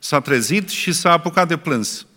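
A man's voice: fairly high pitch, lively intonation, pushed and bright, big-room sound. A man preaching a sermon earnestly, asking his listeners rhetorical questions.

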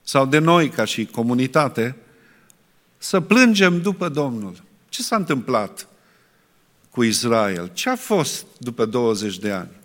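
A man's voice: medium pitch, sing-song, a bit bright, in a large hall. A man preaching a sermon earnestly, asking his listeners rhetorical questions.

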